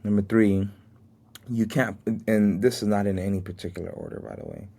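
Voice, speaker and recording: Brisk and gravelly, his voice runs on the low side with a steady, dark tone. In a solo reflective podcast, this twenty-something American host, whose first language was Haitian Creole, passes on life lessons with earnest faith and an occasional self-directed chuckle.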